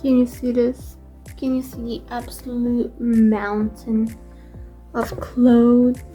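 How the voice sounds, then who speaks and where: A woman's voice: on the high side, flat delivery, slow, dark tone, faint music behind. A woman in her twenties chatting casually as a vlogger, rambling and poking fun at herself. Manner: chatty, rambling, self-deprecating. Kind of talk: casual vlog chat.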